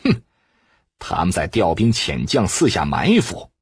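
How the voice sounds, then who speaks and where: A man's voice: deep voice, huge pitch swings, a little slow, slightly rough, no room sound, clean studio sound, full character voice. A man voicing a grave, wary male warrior monk in an audiobook.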